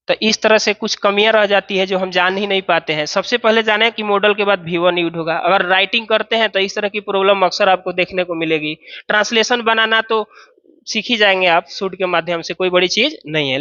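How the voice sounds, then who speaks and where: A man's voice: sits high, sharp tone, dry recording, muffled recording. A man teaching an English grammar lesson, explaining step by step and asking and answering his own questions.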